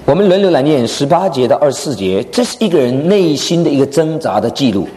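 A man's voice: on the high side, very animated, fast, warm tone. A middle-aged or older man, a pastor giving a humorous sermon, joking and self-deprecating. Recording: echoey hall with background noise.

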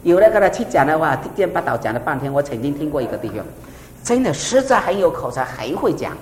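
A woman with a low voice preaches a lively sermon. She keeps asking her listeners questions. Her voice rings in an echoey hall over a faint rumble. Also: quick pace.

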